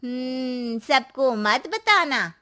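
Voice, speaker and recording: A woman voicing a scheming older neighbour auntie in an animated story, drawing out her hushed warnings. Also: high voice, very slow, voice pushed up, exaggerated voice. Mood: sly.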